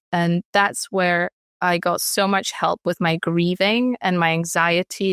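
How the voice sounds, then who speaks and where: A woman's voice: fairly low pitch, fairly bright tone, clear, resonant tone, dry recording, clean studio sound. A woman in her thirties from Ecuador, speaking reflectively as an interview guest, often restarting her sentences. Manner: reflective, frequent restarts and fillers. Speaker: guest, artist. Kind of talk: conversational interview.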